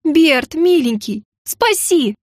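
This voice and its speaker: A hot-tempered young heroine, indignant and shrill, as a woman reads her in a storybook. The voice is a little high and recorded close and dry. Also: normal speed, no room sound, natural voice. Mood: shrieking.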